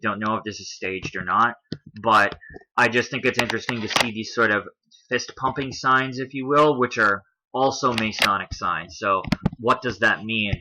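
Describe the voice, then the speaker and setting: A man's voice: on the low side, normal speed, noisy background. A man giving casual explanatory commentary over images, walking through his points one at a time, spelling out letters and often adding "if you will". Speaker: video commentator.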